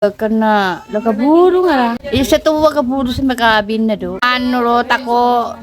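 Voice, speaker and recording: A woman interviewed as a villager, answering casually in a colloquial, lively way. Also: on the high side, unhurried.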